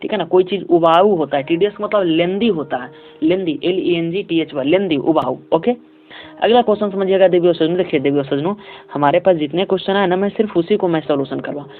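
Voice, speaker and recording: A male English teacher walking students through an exam paper step by step, reading English sentences slowly and often checking in with his class. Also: fairly high pitch. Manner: reads English sentences slowly, then explains them. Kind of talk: exam paper walkthrough lesson. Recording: tinny phone-like audio.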